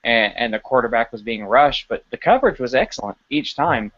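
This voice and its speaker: Male podcast co-host, casual game analysis, quick restarts, lo-fi audio. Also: mid-range voice. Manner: animated, stumbling restarts while analyzing. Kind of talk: casual sports podcast chat.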